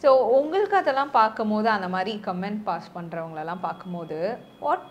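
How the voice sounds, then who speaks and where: Quick woman interviewer. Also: medium pitch, animated, slight background noise. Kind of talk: casual interview questions. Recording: background music under the talk.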